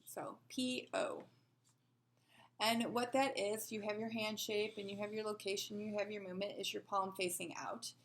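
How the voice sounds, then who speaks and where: A woman's voice: medium pitch, flat delivery, brisk, hardly any pauses, a little hiss or hum. A woman teaching a sign language lesson, patiently explaining and asking rhetorical questions as she demonstrates.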